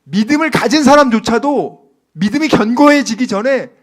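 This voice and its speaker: A man's voice: very high voice, normal speed. A middle-aged male pastor preaching an early-morning sermon, putting emphatic questions to the congregation and acting out scenes with sound words. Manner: acts out scenes with sound words and quoted voices.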